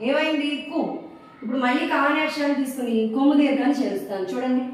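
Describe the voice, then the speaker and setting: A woman teacher drilling letter signs for children, slowly repeating each sound and asking and answering her own questions. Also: high voice, distant mic. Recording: very echoey room, voice away from the mic.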